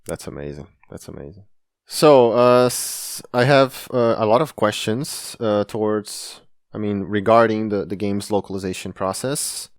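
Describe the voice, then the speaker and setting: A game translator whose first language is Brazilian Portuguese hosts a casual podcast interview, chatting in a friendly, enthusiastic way. His voice is lowish and his pace measured. The studio sound is clean, with no room sound.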